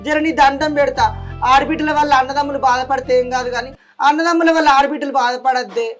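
A woman's voice: sits high, steady tone, fast talker, soft background music, close to an everyday voice. A woman playing a young village man with a Telangana accent, pleading with his sister and apologizing over and over. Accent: Telangana Telugu.

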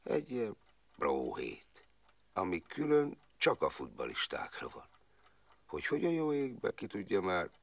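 A man's voice: low-pitched, gravelly, a bit bright, no echo, heavily acted. An actor playing a plain-spoken former footballer who rambles through his wartime memories, stringing clauses together with fillers. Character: rueful, plain-spoken man recalling wartime years. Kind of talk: film monologue.

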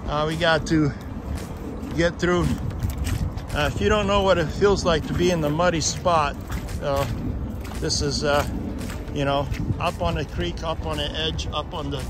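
A middle-aged tow truck driver narrating a casual vlog, explaining each step plainly with lots of "uh" fillers, recorded on a handheld phone outdoors. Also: male voice, a little high, steady tone, unhurried, long pauses. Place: outdoors on a muddy wooded hillside. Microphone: handheld phone camera. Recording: outdoor phone audio with wind and engine noise. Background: truck engines and outdoor noise.

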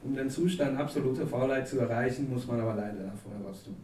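A Turkish-speaking man in his thirties, a poetry slam performer, reads a comic poem quickly and deadpan at a stand mic on a theatre stage. His medium-pitched, satirical delivery includes chatty asides with fillers, picked up from a distance in an echoey hall with audible noise and audience laughter.

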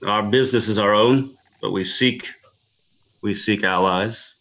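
A man voicing a formal, guarded adventurer who speaks deliberately to strangers in a tabletop game. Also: fairly low pitch, a bit bright, lo-fi sound. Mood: wary.

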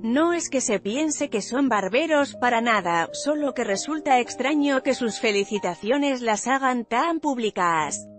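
A woman's voice: fairly high pitch, expressive, a little slow. A woman reading a scripted news voice-over with a wry, sardonic delivery. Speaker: news narrator. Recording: faint music bed behind.

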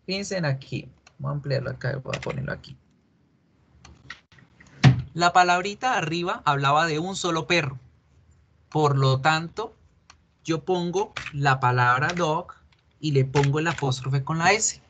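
Slow, patient male teacher. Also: a little high, fairly bright tone, a little hiss or hum. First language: Spanish. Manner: patient, repeats and asks students questions. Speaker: English teacher. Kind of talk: online class explanation.

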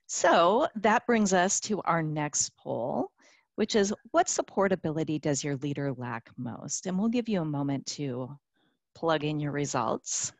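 Woman webinar presenter, low-pitched, upbeat and chatty, lots of ums, dry sound. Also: big pitch swings, measured pace, no room sound. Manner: upbeat, with many fillers and restarts. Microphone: conference call line.

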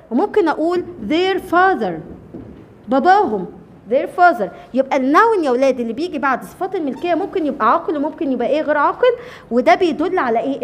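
A woman's voice: sits high, slight background noise. A woman with an Egyptian Arabic accent teaching children English grammar. She keeps asking questions, answers them herself and repeats the key words. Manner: calls children by name and coaxes them along.

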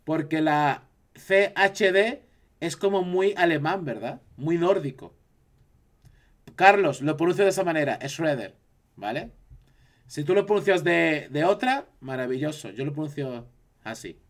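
A man's voice: a little high, expressive, unhurried. A man from Spain with a Spanish accent, chatting casually on a live stream and reacting to his chat.

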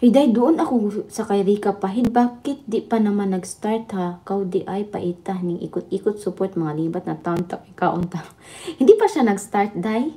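Woman, livestream host, chatty and laughing, mellow tone. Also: medium pitch, normal speed. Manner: chatty, laughing, switching between Tagalog and Visayan. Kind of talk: casual live chat with viewers.

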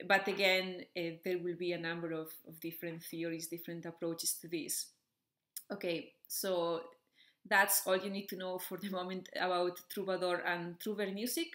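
A woman's voice: fairly low pitch, little pitch movement, normal speed, a bit bright. Woman teaching in an echoey room. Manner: clear, methodical, with frequent "okay" and "so" check-ins. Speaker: music educator. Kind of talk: explanatory video lesson.

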